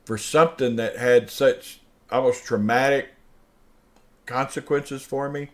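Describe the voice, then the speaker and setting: Older male host telling a true story, lively and animated, voicing both sides of the conversation. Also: medium pitch. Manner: animated, acts out dialogue, laughs mid-sentence. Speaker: show host. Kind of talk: personal storytelling.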